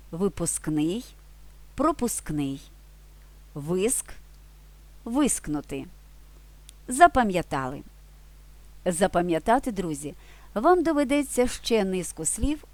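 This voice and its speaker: A woman teaching a language lesson in a scripted video, slowly and clearly reading out word pairs. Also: medium pitch, darkish tone, dry recording.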